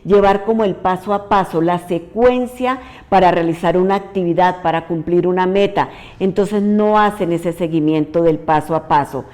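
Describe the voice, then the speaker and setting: Low warm-voiced woman explaining patiently. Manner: patient explanatory, gives many examples. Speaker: educator. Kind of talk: explanatory video lesson.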